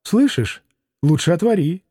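A sneering male devil full of sly mockery, voiced by a man reading aloud. The voice sits high for a man and sounds close and dry, with no room around it. Every word drips with scoffing theatre. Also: animated, measured pace, warm tone, husky, no echo, exaggerated voice. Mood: mocking. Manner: mocking, theatrical. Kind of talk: audiobook character reading.

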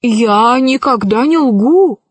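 A woman's voice: fairly high pitch, animated, takes it slowly, slightly rough, no echo, full character voice. A woman reading the lines of an earnest, devoted male archaeologist in a storybook.

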